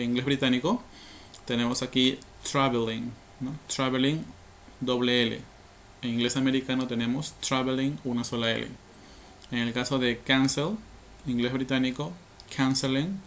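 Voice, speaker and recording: Man, English teacher, methodical, patient, filler-heavy, faint background noise. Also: mid-range voice. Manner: patient, methodical, many fillers and tag questions. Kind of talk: explaining grammar rules to learners.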